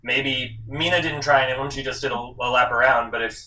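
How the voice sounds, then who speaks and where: Bright-voiced man at a game table. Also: mid-range voice, fairly even intonation, fast, slight background noise, poor audio. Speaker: player. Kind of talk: casual tabletop game chat.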